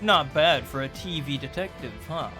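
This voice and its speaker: A man's voice: fairly high pitch, moderate pace, over music, lightly acted. A man reading a cocky actress turned sleuth. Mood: confident. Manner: read plainly in the performer's own voice. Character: confident young actress turned amateur detective, woman.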